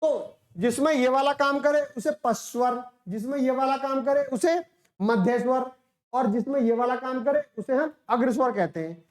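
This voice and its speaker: In a reverberant room, a woman with a high-pitched voice lectures her class at a moderate pace. She explains step by step, asks questions she then answers herself, and elongates sounds as demonstrations.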